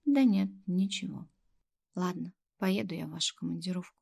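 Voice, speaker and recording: A woman's voice: lowish voice, moderate pace, gravelly, dark tone, breathy edge, full character voice. A woman voicing a sulky young female kindergarten worker in her twenties, grumbling and reluctant. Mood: glum. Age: 20s.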